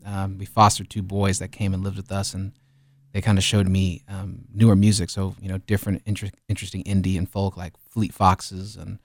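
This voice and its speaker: A man in his thirties, born in Liberia, telling his life story as a musician guest in a radio studio, relaxed and full of fillers. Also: sits low, brisk, no room sound. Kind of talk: casual interview.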